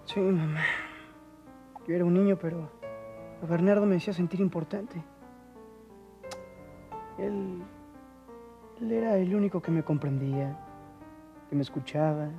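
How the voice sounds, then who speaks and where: A man's voice: sits high, a little slow, gravelly, long pauses, dull audio. An actor playing a young adult son who is devoted and anxious about his mother, with music behind. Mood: wistful. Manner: frantic, pleading.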